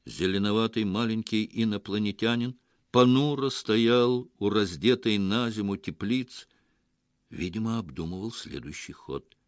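A man narrating a story in an expressive scripted reading. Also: lowish voice, measured pace, no echo, studio quality. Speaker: audiobook narrator.

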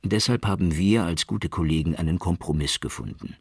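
A man's voice: sits low, gravelly, husky, no room sound, studio quality, full character voice. Man voicing an earnest cautious inspector. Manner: earnest, measured. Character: earnest male police inspector, cautious and modest.

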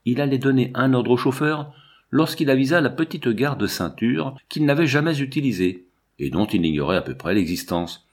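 A man narrating a classic novel with an expressive, varied delivery. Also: mid-range voice, normal speed. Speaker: audiobook reader. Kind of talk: literary narration.

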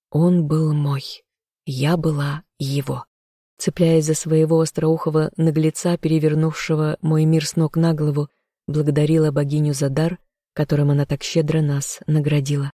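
An audiobook narrator reading a first-person romance in an even, measured way on a close mic. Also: mid-range voice, dry recording.

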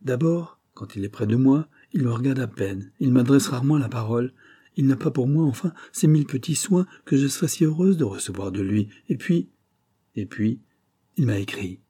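A man's voice: mid-range voice, expressive, moderate pace, warm tone, breathy edge. A man reading the part of a tearful young woman who fears her fiancé does not love her, in a plaintive, pleading way.

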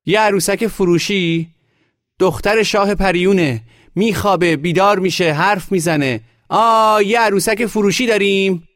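A man's voice: high-pitched, a bit bright, no room sound, studio quality, voice pushed up. A man voicing a poor young boy who hawks a doll in the snow, eager and pleading. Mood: pleading hawking. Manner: pleading, eager street hawking. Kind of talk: audiobook character voice.

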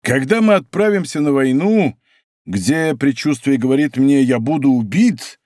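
A man's voice: mid-range voice, lively intonation, unhurried, darkish tone, no echo, studio quality, close to an everyday voice. A man voicing a boastful, good-natured musketeer who talks grandly and plays melancholy.

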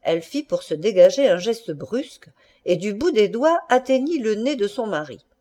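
A woman narrates a classic short story for an audiobook. Her tone is mellow and dark, and her pitch moves in lively arcs that follow the drama of the prose. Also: normal speed. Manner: expressive literary reading. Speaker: audiobook reader. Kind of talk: scripted narration.

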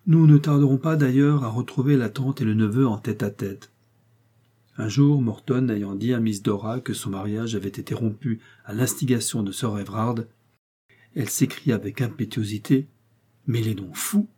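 A man reads a classic novel aloud as an audiobook narrator. His voice is dark and mellow with a husky edge, and his delivery is measured and literary. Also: mid-range voice. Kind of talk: audiobook reading.

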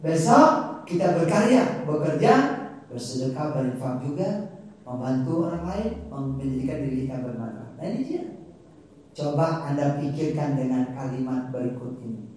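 Animated male Quran teacher in echoey hall. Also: fairly high pitch, normal speed, a little hiss or hum. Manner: animated, joking, colloquial. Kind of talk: lively study-circle teaching. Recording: echoey hall, mic far off.

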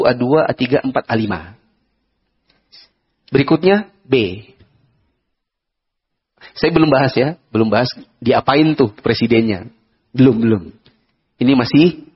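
A medium-pitched, slightly rough voice belongs to an Indonesian-accented man giving a conversational Islamic study lecture. He quizzes the audience and acts out examples, and the lo-fi recording sounds dull.

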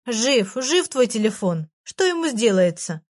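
A woman reading an audiobook voices a cheeky, impatient little female fairy with a high, chirpy, commanding manner. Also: big pitch swings, measured pace. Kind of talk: audiobook character voice.

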